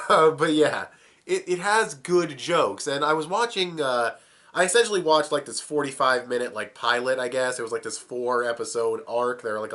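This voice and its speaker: Congested from a cold, a young man chats loosely through a cartoon review, cursing and chuckling along the way. His voice sits in the mid range and sounds pushed and bright.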